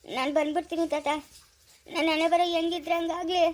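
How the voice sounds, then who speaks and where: Crying young wife on the phone to grandpa, very high quick voice, pleading, woman acting. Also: level tone. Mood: tearful. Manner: pleading, repeats "tata". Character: young married woman, tearful and betrayed. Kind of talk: family drama skit.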